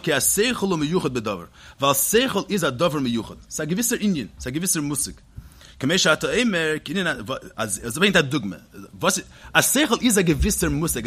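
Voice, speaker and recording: Fast, lively, husky-voiced male lecturer. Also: on the high side. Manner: rapid, animated, repeats and restarts while reasoning aloud; slips quickly into chanting quoted Hebrew texts. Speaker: teacher. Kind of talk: Talmudic-style study lecture.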